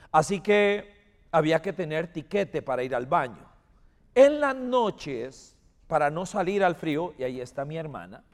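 A man's voice: fairly high pitch, in a large hall. A man preaching a sermon, telling a personal story and leading prayer, calling on listeners to say amen. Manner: animated storytelling, calls for amens. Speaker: pastor.

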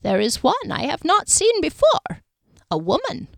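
A woman voicing a patronizing male wizard diviner with a nasal, sibilant voice and slow, knowing pronouncements. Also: high voice, wildly swooping pitch, gravelly, no room sound, clean studio sound, pitched above the performer's own voice, heavily acted. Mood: ominous.

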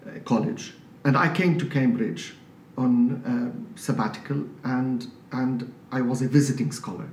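A man from Syria with a Syrian accent, a priest talking as an interview guest in a measured, explanatory way with frequent restarts. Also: mid-range voice, darkish tone. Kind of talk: conversational interview. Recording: roomy, slightly distant mic with faint noise.

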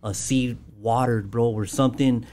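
A man with a medium-pitched voice talks as a guest on a podcast. He shares personal testimony casually, often halting to find the right word, with street slang throughout. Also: fairly even intonation, mellow, a little hiss or hum. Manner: halting, searching for words, slangy.

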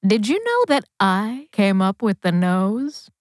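A woman's voice: mid-range voice, big pitch swings, slow, no echo, clean studio sound. A woman playing a self-important, boastful professor and proud old-hand clown who hosts a comedy podcast, grandiose and theatrical. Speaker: podcast host. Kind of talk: comedy podcast character acting.

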